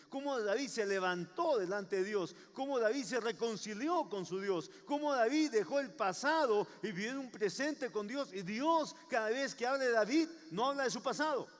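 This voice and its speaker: A male pastor preaching a sermon in a church, driving his points home with repeated rhetorical questions. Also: high voice. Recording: long hall reverb.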